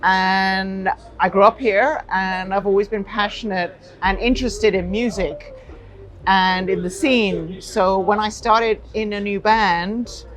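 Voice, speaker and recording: A chatty woman from Hong Kong in her forties gives an interview. She laughs easily and often pauses to search for words. Her voice sits at an ordinary middle pitch. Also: steady tone, a bit bright, soft background music, poor audio. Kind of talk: casual interview.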